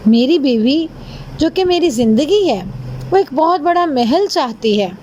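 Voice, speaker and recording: A woman's voice: high-pitched, animated, a little hiss or hum. A woman doing a humble fisherman calling out. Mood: pleading call. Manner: calling out loudly over the sea. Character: poor humble fisherman, kind and reluctant.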